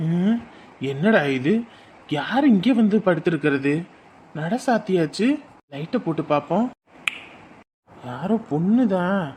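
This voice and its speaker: A fussy, rule-bound male temple priest from an animated drama. He hurries people along in a scolding, anxious way. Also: high-pitched, a little fast, a little hiss or hum.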